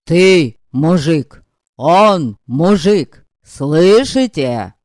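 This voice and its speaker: A man voicing a pompous male orator who declaims slowly and grandly in a storybook reading. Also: fairly high pitch, lively intonation, a little mellow, no echo, clean studio sound. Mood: frenzied. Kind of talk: audiobook character voice.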